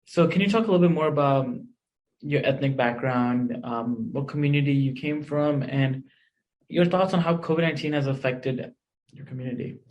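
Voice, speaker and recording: A man's voice: medium pitch, normal speed, darkish tone, lo-fi sound. A young man hosting a podcast interview, affirming his guest and asking long questions. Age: young adult. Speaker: podcast host.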